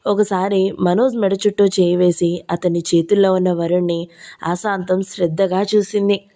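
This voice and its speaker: Mellow-voiced woman narrating a novel. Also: fairly low pitch, moderate pace. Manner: steady storytelling. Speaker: audiobook narrator.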